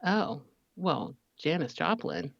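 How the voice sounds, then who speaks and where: A woman's voice: fairly low pitch, animated, slow pace, vocal fry, no echo, muffled recording. A woman appearing as a podcast guest, chatting casually and laughing often as she answers questions. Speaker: guest, marketing agency CEO. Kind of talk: casual interview chat.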